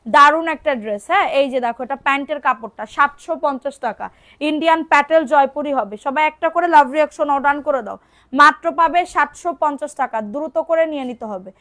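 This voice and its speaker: A woman selling clothes on a live stream, repeating prices and urging viewers to order quickly, and sometimes scolding commenters. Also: sits high, a bit bright. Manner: brisk, repetitive, urging buyers to order fast. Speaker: online clothing seller. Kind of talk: live-stream sales pitch.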